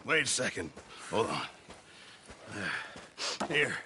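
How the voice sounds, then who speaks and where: A man as a camp cook in a western game. He blusters defensively with a widely swinging, mid-pitched voice. Background noise is clear. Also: sing-song, takes it slowly. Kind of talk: video game dramatic acting.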